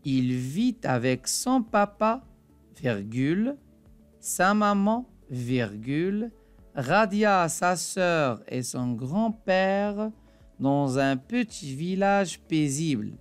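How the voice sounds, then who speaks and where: A woman teaching a reading lesson to a young child, speaking slowly and carefully and repeating each point. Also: low voice, very animated, faint music behind. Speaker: primary school teacher.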